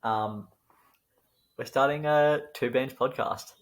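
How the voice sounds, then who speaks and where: A young man co-hosting a casual podcast, wry and quick to laugh at his own scripted opening. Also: mid-range voice. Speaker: podcast co-host.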